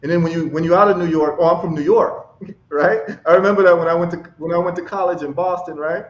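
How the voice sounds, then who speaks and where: Talking at a quick pace in a voice on the high side, the Ghanaian guest speaks passionately on the live stream call, repeating phrases to stress his points. The stream audio is lo-fi, echoey and dull.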